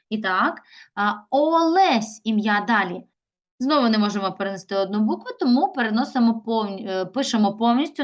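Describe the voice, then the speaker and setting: A woman teacher giving a recorded lesson to young children. She reads words aloud and stretches out their syllables slowly. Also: mid-range voice, highs cut off. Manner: slow, drawn-out syllables when sounding out words. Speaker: primary school teacher.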